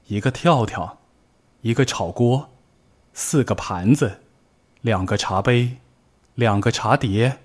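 Slow-reading man telling a kids' story. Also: on the low side. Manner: slow, clear storytelling to children. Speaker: children's storyteller. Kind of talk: reading a picture book aloud. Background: faint background music.

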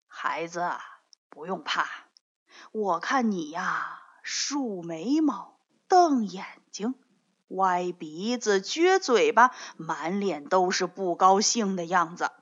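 A woman voicing a kindly old male immortal in a children's story, speaking slowly and soothingly. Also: on the low side, lively intonation, voice pushed down. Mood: gentle, coaxing. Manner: slow, soothing, drawn-out words. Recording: dull lo-fi recording.

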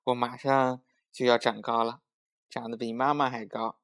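A man voicing an eager, stubborn little boy who brags in a childish, excited voice. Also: medium pitch, moderate pace, lightly acted. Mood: boastful.

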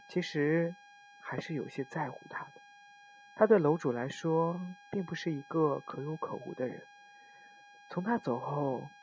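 A man calmly reading a first-person forum story aloud, with the odd slip and self-correction. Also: fairly high pitch, lo-fi sound, a little hiss or hum. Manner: calm, unhurried reading with small slips and self-corrections.

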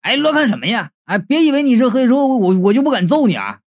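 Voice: medium pitch, very animated, a little fast, no echo, studio quality, natural voice. A narrator doing a stammering flustered husband. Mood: indignant.

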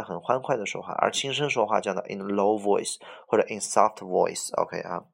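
A man teaches a vocabulary lesson. His voice sits a little low and has a gravelly edge. He works through the list word by word and repeats each English word several times. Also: fairly bright tone. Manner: explains word by word, repeats English words with Chinese fillers.

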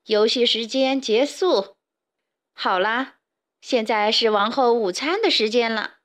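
A woman's voice: a little high, slow, fairly bright tone. A woman voicing a vain, bossy hen queen in a children's storybook, with a haughty, commanding manner.

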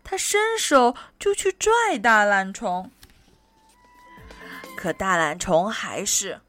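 Slow, expressive woman reading a picture book. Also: medium pitch, soft background music. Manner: expressive, playful storytelling. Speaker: storyteller.

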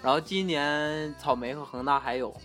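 A man with a Northeastern Mandarin accent chatting casually as a podcast co-host, telling stories with halting restarts. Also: a little high, fairly even intonation, fairly bright tone, faint music behind. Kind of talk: casual chat.

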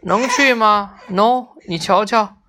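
A woman voicing a vain little storybook bear with a shrill, fussy voice. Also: takes it slowly, noisy background, natural voice.

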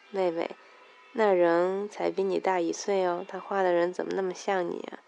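A woman's voice: fairly low pitch, little pitch movement, unhurried, gravelly, darkish tone, lo-fi sound, faint music behind. Woman doing a teasing teen brother. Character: teasing teenage older brother.

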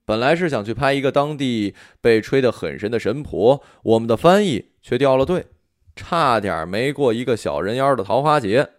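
A man narrating an audiobook story in an expressive, animated storytelling manner. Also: medium pitch, moderate pace, no echo, clean studio sound.

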